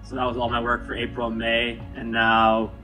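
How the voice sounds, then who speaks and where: Bright-voiced man, frank testimonial. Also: mid-range voice, completely flat delivery, moderate pace, faint music behind, poor audio. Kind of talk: casual testimonial.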